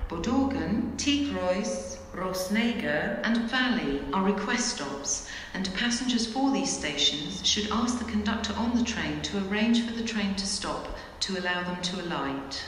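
Over an echoing railway station PA, a woman with a medium-pitched, fairly bright voice reads formal automated announcements in clipped, pieced-together phrases, sounding animated yet unhurried. The recording is noisy with long reverb.

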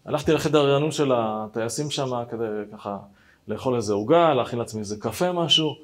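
A rabbi telling a personal story to listeners, animated and speaking to them directly. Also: male voice, medium pitch. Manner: animated, acts out dialogue, addresses listeners directly.

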